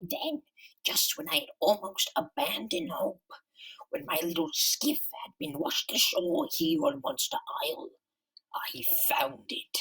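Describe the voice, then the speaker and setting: A man voicing a bitter, megalomaniac underground comic-book villain in a slow, theatrical, menacing monologue with a whispery rasp. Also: extremely high pitch, animated, bright, forceful tone, recorded from a distance, voice pushed up, heavily acted, rough recording. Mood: brooding. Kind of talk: dramatic comic-book reading.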